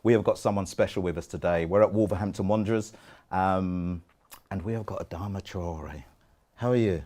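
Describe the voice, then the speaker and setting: A man's voice: low voice, a little fast, warm tone. A male interviewer presenting the conversation and asking questions in a chatty, encouraging way.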